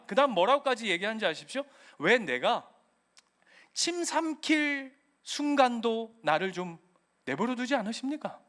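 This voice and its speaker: A middle-aged male pastor, giving an animated sermon and acting out the people in his stories. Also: high voice. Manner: animated storytelling, acting out quoted voices.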